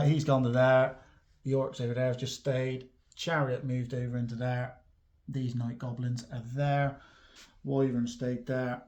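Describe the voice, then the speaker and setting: Casual male wargamer, mid-pitched, relaxed recap voice. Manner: chatty, laughs at his own luck. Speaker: wargamer narrating his army's turns. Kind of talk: casual tabletop battle report.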